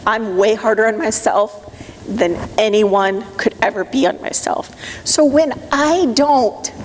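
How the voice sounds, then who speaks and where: Middle-aged woman speaker, higher voice, emphatic coaching delivery, long hall reverb with faint noise. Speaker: motivational speaker. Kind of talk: live talk to an audience. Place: conference room with audience.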